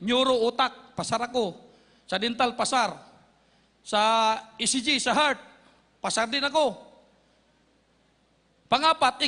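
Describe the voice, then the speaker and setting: A man from the Philippines giving a dramatic church testimony, telling his story with sound effects and shouts of praise. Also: very high-pitched. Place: church hall. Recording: reverberant hall.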